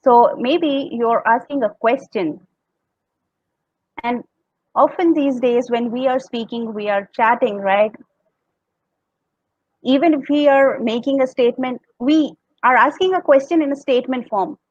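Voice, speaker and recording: A woman with an Indian English accent teaches a talk on public speaking, explaining step by step, acting out tones as examples, and laughing often. Her voice is slightly high and slightly slow, with frequent pauses. The lo-fi recording has no room sound.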